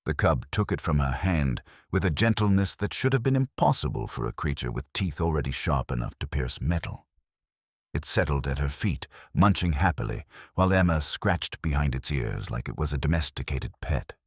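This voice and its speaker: A man narrating a sci-fi story in a measured, dramatic storytelling manner. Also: very deep voice, big pitch swings, breathy edge, no echo, clean studio sound.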